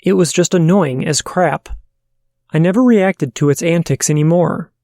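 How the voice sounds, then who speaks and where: A man hosting a paranormal podcast, reading listener letters aloud in a steady, measured way. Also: on the high side, no room sound, studio quality.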